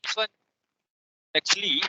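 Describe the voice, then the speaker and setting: A man attending a webinar who speaks over glitchy online call audio that keeps breaking up, hesitant and checking whether he can be heard. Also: measured pace. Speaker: webinar attendee asking a question. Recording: loud noisy, broken-up call line.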